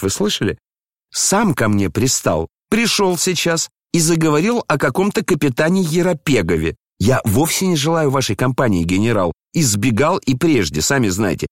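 A man's voice: medium pitch, no room sound, studio quality, pitched above the performer's own voice, lightly acted. A man voicing a sickly young man who talks in a mocking, sneering tone.

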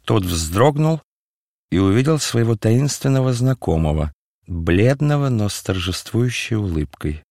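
Gravelly, low-voiced male narrator. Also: lively intonation, unhurried, a little mellow, no room sound, clean studio sound. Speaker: audiobook narrator. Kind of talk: scripted literary narration.

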